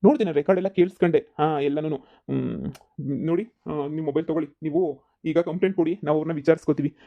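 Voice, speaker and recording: A man's voice: fairly high pitch, fast, gravelly, highs cut off. A man voicing a soothing cartoon police officer. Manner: soothing, reassuring, matter-of-fact. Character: patient, sympathetic police officer, adult man. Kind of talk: cartoon comedy voice acting.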